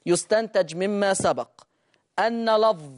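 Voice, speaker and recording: A teacher with an Egyptian Arabic accent gives a classroom lesson on recitation rules. The teacher asks the class questions, answers them, and chants quoted verse lines slowly. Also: mid-range voice.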